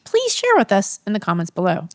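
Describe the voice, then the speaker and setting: A measured woman going point by point through a list on a homebrewing podcast. Her voice sits at an ordinary pitch and is recorded dry and close, with no room echo. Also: wildly swooping pitch, darkish tone. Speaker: podcast co-host. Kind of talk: casual podcast chat.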